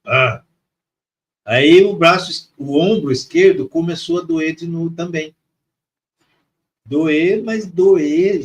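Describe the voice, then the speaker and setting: Man retelling a spiritual story, emotive. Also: on the high side. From Mato Grosso, Brazil. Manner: emotive, repeats words for emphasis. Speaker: guest on a spirituality live stream.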